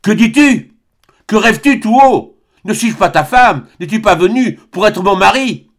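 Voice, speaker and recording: A man reading an audiobook, voicing a passionate young woman with a high, urgent, straining voice. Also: animated, a little slow. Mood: urgent pleading. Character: passionate young woman, fierce and pleading lover.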